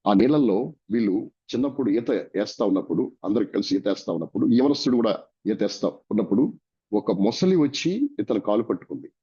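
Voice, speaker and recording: A man's voice: lowish voice, lively intonation, brisk, dark tone, breathy edge. A man from India with a Telugu accent preaching a sermon, telling a story and acting out its dialogue. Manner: dramatic, acts out the dialogue of the story. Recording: dull lo-fi recording.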